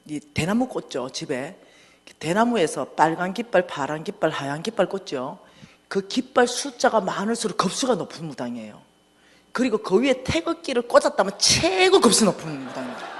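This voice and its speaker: A middle-aged woman, telling a story in an animated, dramatic way as a church lecturer. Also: on the low side, husky. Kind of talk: storytelling sermon. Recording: echoey hall.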